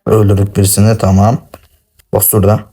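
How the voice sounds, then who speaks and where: A man giving excitable, cursing, self-mocking commentary while playing a shooter game on his phone. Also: lowish voice, fairly quick, breathy edge. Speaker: gaming channel host. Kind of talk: casual gameplay commentary.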